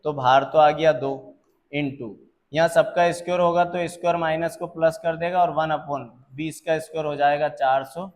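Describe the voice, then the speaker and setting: A man tutoring physics, slowly working through exam problems and checking that students follow. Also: fairly high pitch, steady tone. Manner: calls students "beta", checks understanding; slow, deliberate explaining.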